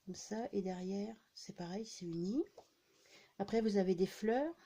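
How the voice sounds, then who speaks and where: A woman with a soft, mellow voice chats casually through a haul of craft supplies. She talks at an easy, unhurried pace and fills her sentences with little hesitations and tag words. Her voice is warm and relaxed, never sharp. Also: medium pitch, gravelly. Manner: chatty, many fillers and "hein" tags. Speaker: scrapbooking vlogger. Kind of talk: casual haul show-and-tell.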